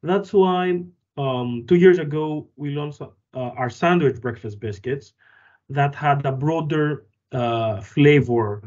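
Man, from Greece, company founder, interview guest, thoughtful, halting with fillers, slightly muffled line. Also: fairly high pitch, a little mellow. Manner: thoughtful, with frequent fillers and restarts. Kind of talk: interview answers.

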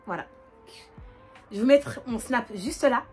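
A woman in her twenties with a northern French accent, chatting casually and quickly as a vlogger while doing her makeup, with lots of fillers and restarts. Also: fairly high pitch, faint music behind. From northern France. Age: 20s. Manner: fast, animated, many fillers and restarts.

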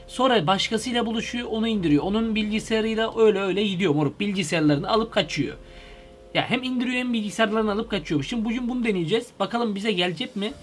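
A young man hosting a comedy video from his computer, talking animatedly into a headset mic and shouting in mock fright. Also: high voice. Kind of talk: excitable comedic vlog. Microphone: headset microphone.

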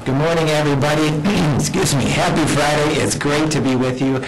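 A man's voice: a little high, a little fast. Man, school administrator, upbeat, stumbling a bit, noisy room. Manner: upbeat, stumbling over words. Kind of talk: morning announcements.

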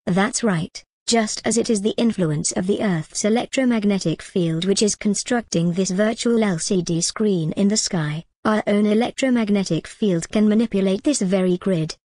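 A woman speaks straight to her viewers in a scripted monologue, earnest and persuasive but slipping in wry little jokes. Her pitch sits in an ordinary middle range, and the recording is dry and close, with no room sound around her. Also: moderate pace, few pauses, dark tone, no room sound. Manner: wry, jokey asides amid earnest persuasion. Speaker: video creator.

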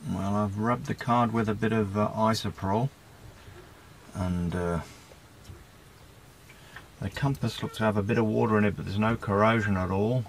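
A laid-back Australian man vlogs about sailing outdoors in the wind, on a beach and on a small sailboat, using a handheld or mounted camera mic that gives a rough recording. His voice is on the low side with vocal fry, a steady tone, a moderate pace, and long pauses. His casual commentary rambles, with many "uh" fillers.

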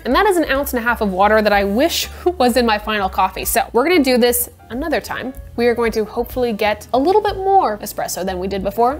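Chatty playful young woman vlogging, kinda high voice, giggly, faint music in the back. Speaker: coffee video host. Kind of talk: casual product-review vlog.

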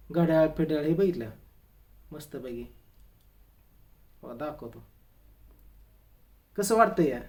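A comedian talking to camera in a comic vlog, telling stories in an exasperated, grumbling way. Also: male voice, sits high.

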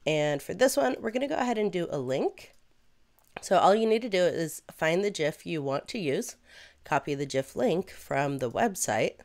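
Woman, young adult, low voice, smooth, chatty tutorial host, playful asides. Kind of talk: screen-recorded software tutorial.

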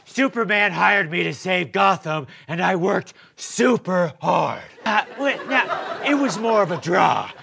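A man doing a sketch comedy impression of a self-serious, defensive caped superhero in a gravelly growl. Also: high-pitched, big pitch swings, measured pace, bright, forceful tone, some chatter behind, heavily acted.

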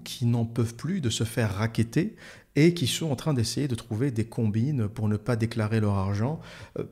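A man's voice: medium pitch, darkish tone, breathy edge. A man delivering a heated, sarcastic solo monologue as an online commentator, using crude slang and frequent hesitation fillers.

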